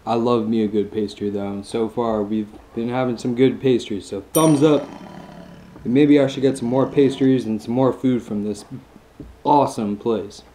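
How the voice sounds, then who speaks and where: A man's voice: mid-range voice, fairly even intonation, warm tone. Enthusiastic young man tasting food. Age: 20s. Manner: enthusiastic, eating between lines with drawn-out mmm sounds. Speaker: food vlogger. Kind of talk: casual mukbang tasting review.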